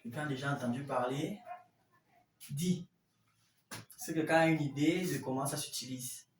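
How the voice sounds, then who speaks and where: A language teacher delivers a classroom Italian lesson explained in French, speaking in a mid-range voice at a moderate pace and carefully repeating example phrases. The mic is distant, giving a roomy echo and faint noise.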